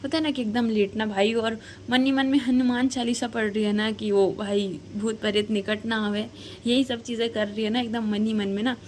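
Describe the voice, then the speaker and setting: A woman's voice: a little high, fairly even intonation, moderate pace, darkish tone, a little hiss or hum. Chatty woman telling a story. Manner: chatty, slangy, addresses listener as friend. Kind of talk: casual spoken storytelling.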